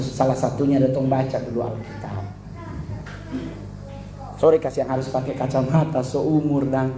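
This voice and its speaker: A man with a Manado accent doing stand-up comedy as a mock church sermon, animated and jumping into high-pitched impressions of other people. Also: roomy sound, background noise.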